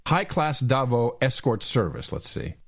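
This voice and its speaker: Sarcastic, animated male podcast host. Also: mid-range voice, unhurried. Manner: sarcastic, laughing, crude. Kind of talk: casual chat.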